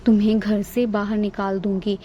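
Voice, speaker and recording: A woman's voice: medium pitch, flat delivery, normal speed, warm tone, lo-fi sound, a little hiss or hum, close to an everyday voice. A woman voicing a stern, scolding middle-aged mother-in-law in a storybook tale. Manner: scolding, threatening.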